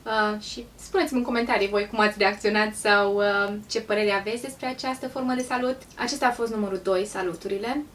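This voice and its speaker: A woman from Romania telling stories in a casual vlog, chatty and pausing often with ums. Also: mid-range voice, fairly even intonation, fairly bright tone, recorded from a distance, slight background noise. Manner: chatty, pauses with frequent ums. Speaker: vlogger.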